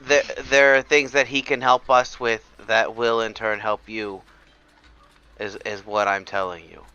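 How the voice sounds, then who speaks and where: A man playing a character in a tabletop game, rambling and halting with repeated words. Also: on the low side, little pitch movement, bright, forceful tone, clean tone. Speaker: player. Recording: dull lo-fi audio.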